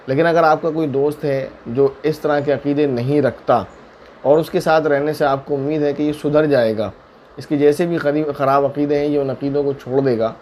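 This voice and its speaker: A man giving a religious question-and-answer lesson as a mufti, in a voice of middling pitch. He talks patiently and builds each answer step by step from everyday examples. There is a faint hiss of background noise. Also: a little mellow.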